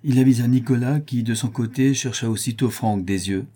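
A man's voice: medium pitch, brisk, mellow, slightly rough. A man narrating a classic novel as an audiobook, animatedly voicing the dialogue. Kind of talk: scripted narration.

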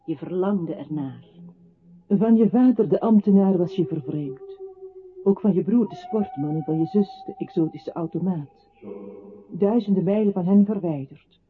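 Speaking at an ordinary pace in a high voice close to his everyday one, a male actor voices the accuser who solemnly tells a captive the story of his life. The poetic second-person radio play carries faint background music and has the narrow, tinny hiss of old broadcast audio.

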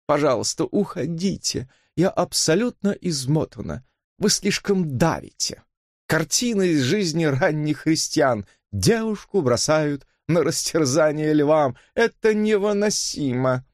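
A man's voice: fairly high pitch, expressive, unhurried, a little mellow, dry recording, studio quality, pitched above the performer's own voice. A man voicing a haughty, glamorous woman in an audiobook reading, with a languid, drawling, contemptuous manner.

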